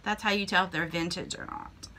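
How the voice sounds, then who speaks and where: Speaking brisk and lowish, with fairly even intonation, a woman delivers her words in a pushed, bright tone. It's a homey show-and-tell vlog where she casually displays flea market finds, saying um often, captured by a camera mic in a small indoor room with shelves.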